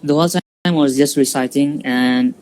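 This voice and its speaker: A young Indonesian man in his twenties, a student guest, tells his story in a casual live-streamed interview. His voice is medium-pitched with a darkish tone, and he speaks haltingly, with many fillers and restarts. The recording quality is low.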